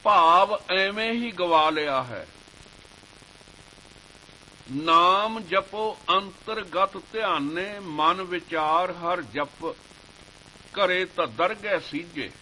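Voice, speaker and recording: A man giving a slow devotional sermon, reciting scripture verses in a measured chanting cadence. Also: high voice, sharp tone, a little hiss or hum, poor audio. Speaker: Sikh preacher.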